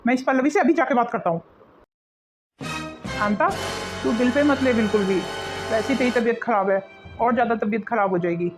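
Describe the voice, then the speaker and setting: A woman's voice: a little high, brisk, long pauses, music in the background, close to an everyday voice. A woman playing an arrogant, scolding son. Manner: scolding and dismissive. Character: arrogant son siding with his wife.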